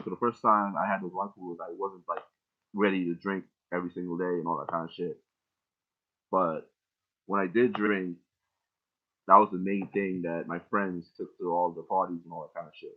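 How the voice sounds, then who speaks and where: A young rapper casually breaks down his own lyrics line by line, rambling loosely with heavy profanity. His voice is low-pitched and steady at normal speed, heard through tinny, phone-like audio.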